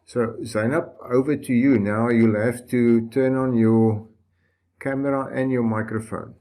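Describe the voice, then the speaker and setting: A man's voice: mid-range voice, fairly even intonation, measured pace, dark tone. A man hosting an online meeting, speaking informally as he moderates and introduces speakers. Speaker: meeting host. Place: video call.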